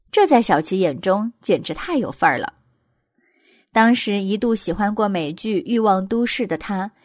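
A woman reading a scripted narration at a measured, even pace. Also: medium pitch, dry recording, clean studio sound. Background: soft music.

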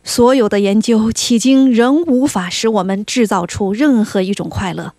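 A woman voicing a sly, scheming devil, speaking slowly and with mock confidence. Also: on the high side, warm tone, no echo, clean studio sound, close to an everyday voice.

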